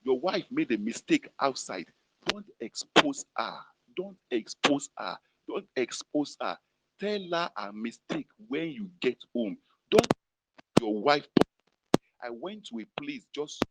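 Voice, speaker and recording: Nigerian-accented male pastor, mid-pitched, emphatic and repetitive, leads call-and-response. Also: big pitch swings, slow pace, heavy background noise. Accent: Nigerian, Yoruba-influenced. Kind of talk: sermon. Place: prayer room gathering, fed to an online audience.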